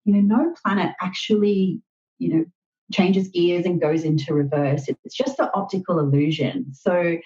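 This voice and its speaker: Low-voiced Australian woman, chatty. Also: normal speed, mellow, highs cut off. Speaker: podcast guest, astrologer. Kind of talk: casual conversational interview.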